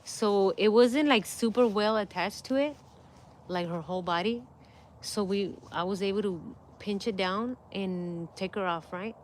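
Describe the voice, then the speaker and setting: A woman's voice: mid-range voice, a little slow. Middle-aged woman host, casual storyteller who keeps breaking into laughter; phone mic with faint background hiss. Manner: laughs often while telling a story. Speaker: livestream host.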